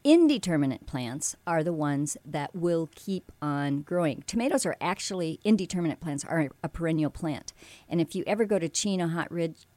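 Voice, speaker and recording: A woman from Alaska shares tomato-growing know-how in a low, grounded voice. She explains step by step, pausing on ums and correcting herself as she goes. The recording is dry, with no room sound. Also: expressive, mellow, no echo. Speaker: gardening expert guest. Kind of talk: casual radio gardening advice.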